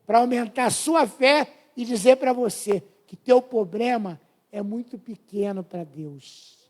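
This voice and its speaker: A man's voice: very high-pitched, a little slow, darkish tone. A man in his fifties with a Brazilian Portuguese accent, preaching a fervent testimony to a congregation. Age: 50s. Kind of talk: sermon testimony.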